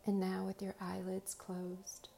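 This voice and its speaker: A woman speaking as a slow, soothing hypnotist, guiding relaxation in short soft phrases with long pauses. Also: medium pitch, monotone, gravelly, a little hiss or hum. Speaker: host of guided meditation and hypnosis sessions. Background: faint music.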